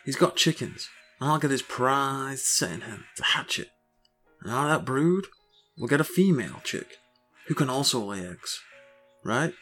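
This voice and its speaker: A man playing a broke farmer husband in an audio story, excitable and rambling, full of grandiose schemes. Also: medium pitch, a little slow, faint music behind. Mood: eager, explaining.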